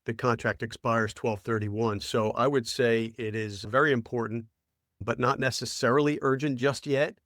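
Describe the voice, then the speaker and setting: A man's voice: medium pitch, fairly even intonation, normal speed, a bit bright, no room sound, studio quality. An American man in his fifties, a township manager speaking plainly and steadily in a roundtable discussion. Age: 50s.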